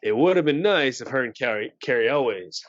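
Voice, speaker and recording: Male podcast co-host, rambling and profane, mid-pitched voice, dry mic. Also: lively intonation, fairly quick, no room sound, lo-fi sound. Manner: rambling, swears casually, restarts sentences. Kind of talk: casual chat.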